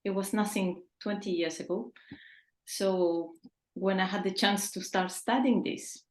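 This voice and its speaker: Appearing as a guest on a video-call interview, a Chilean feng shui consultant in her fifties gives earnest, casual answers with small restarts. Her medium-pitched voice is steady and measured, in an echoey room.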